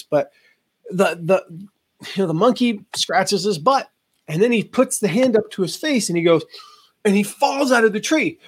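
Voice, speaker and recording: A man in his forties, a guest on a talk show, telling animated stories and acting out the people in them. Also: high voice, husky. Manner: animated storyteller, acts out quoted voices. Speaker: guest, affiliate marketing entrepreneur. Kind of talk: casual interview storytelling.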